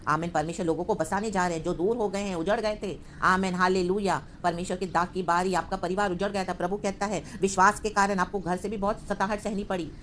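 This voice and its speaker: A woman's voice: mid-range voice, fairly even intonation, a little fast, hardly any pauses, a bit bright. Lady preacher going all in, amens and hallelujahs, tongues, bit of hiss behind. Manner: fervent, calls out amen and hallelujah, breaks into speaking in tongues. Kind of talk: Pentecostal sermon with tongues.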